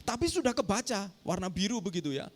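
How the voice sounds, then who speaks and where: A man's voice: high-pitched, very animated, quick pace. A middle-aged man preaching a sermon as pastor, telling a story and often turning to address the congregation directly. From Indonesia.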